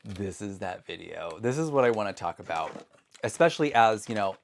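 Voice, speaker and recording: A man chatting casually to his viewers in a vlog, excitable and full of asides, recorded on a phone at home. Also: on the low side, fairly quick, gravelly, a little hiss or hum. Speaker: doll collector vlogger. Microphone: phone camera.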